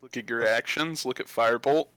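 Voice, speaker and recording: Bright-voiced laid-back man running a game. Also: medium pitch, a little fast, smooth, dry recording. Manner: laid-back, laughing, slangy. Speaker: dungeon master. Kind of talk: running a tabletop game on stream.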